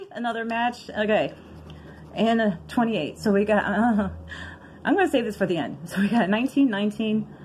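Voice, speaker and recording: A woman vlogging in a casual, chatty way, excitable and giggly, rambling and thinking aloud as she reads out numbers. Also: lowish voice, slight background noise. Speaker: vlogger scratching lottery tickets.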